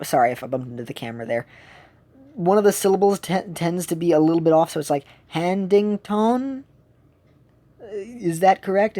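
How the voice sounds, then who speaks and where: A woman's voice: deep voice, warm tone. A woman streamer chatting casually while she plays a game, rambling and often correcting herself. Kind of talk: casual chat while gaming.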